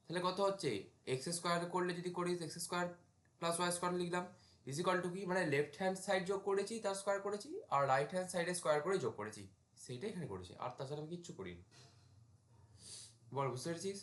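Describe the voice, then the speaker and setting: A man's voice: high voice, fast talker, a bit bright, roomy sound. A man, teaching a math lesson in a casual classroom style and talking students through each step as he writes. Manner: talks students through steps while writing, asks them checking questions. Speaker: math tutor.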